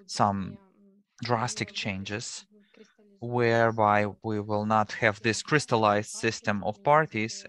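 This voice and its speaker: A man at a middle pitch, working as a live simultaneous interpreter for a panel speaker. He talks in measured phrases and reworks his wording mid-sentence as he follows the original. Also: fairly bright tone. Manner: measured, rephrasing as he goes.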